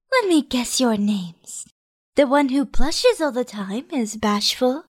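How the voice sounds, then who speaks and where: A woman voicing a gentle young princess in a soft, high, plaintive voice. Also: exaggerated voice.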